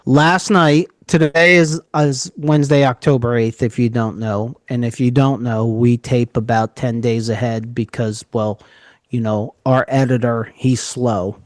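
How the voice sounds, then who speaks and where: A man with a New York area accent, co-hosting a casual podcast and telling stories in an animated, joking way. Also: mid-range voice, a little slow, dry recording. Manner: animated storyteller, jokey. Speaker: podcast co-host.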